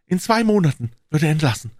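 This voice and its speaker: Guy doing a worried bitter old nanny lady, high strained voice, storybook. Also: very animated, fast, a little mellow, dry recording, studio quality. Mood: bitter, grim. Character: anxious, bitter older woman, a former nanny.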